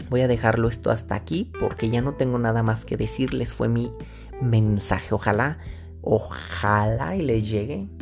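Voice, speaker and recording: A man's voice: medium pitch, a little mellow. A man with a Mexican accent hosting his own casual solo podcast, rambling and slangy, thinking aloud and drifting off topic, into his own microphone. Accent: Mexican Spanish. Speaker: podcast host.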